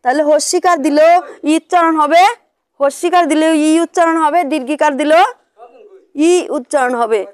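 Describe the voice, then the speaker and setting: A woman with a high voice teaches young children to spell, sounding out letters slowly in a sing-song manner and often asking them questions. There is no echo.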